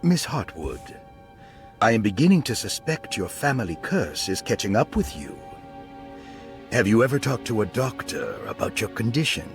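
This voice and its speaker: An actor playing a controlled, probing authority figure in a video game, measured and commanding, outwardly concerned. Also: male voice, lowish voice, sing-song, soft background music. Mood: calming, patronising. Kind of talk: cinematic video game acting.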